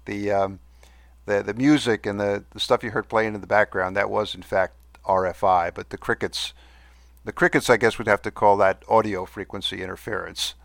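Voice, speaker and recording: A man with a fairly low voice hosts a podcast, recorded very dry. His S sounds whistle slightly. He talks casually and haltingly, with good-humoured, self-deprecating asides. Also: fairly even intonation, vocal fry, fairly bright tone, dry recording. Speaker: podcast host. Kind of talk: casual monologue reading listener mail.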